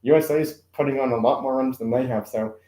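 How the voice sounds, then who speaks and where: A man's voice: mid-range voice, fast talker, mellow, reverberant, low-quality recording. A man hosting a casual live stream, commentating on toy car games and unboxing, rambling with many self-corrections and an occasional cough. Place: room at home.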